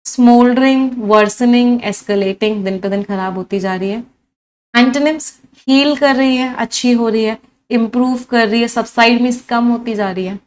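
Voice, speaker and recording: A woman's voice: on the high side, normal speed. A woman teaching English vocabulary in a live online class, mixing Hindi and English, listing synonyms one after another and asking her students questions. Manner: lively teacher who lists many synonyms and quizzes her students.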